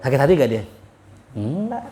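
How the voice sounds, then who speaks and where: A man's voice: mid-range voice, big pitch swings, normal speed, dark tone, slight background noise. Man, preacher, casual chatty study lecture, chuckles a lot, roomy reverberant recording. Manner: joking, chuckles often, conversational. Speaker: Islamic preacher. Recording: roomy echo.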